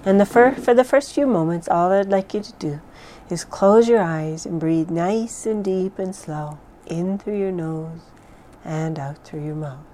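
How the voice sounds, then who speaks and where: A woman leading a guided meditation in a soft, calm, soothing voice, with phrases often trailing off into breathiness. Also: lowish voice, unhurried, slight background noise. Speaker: mindfulness exercise guide.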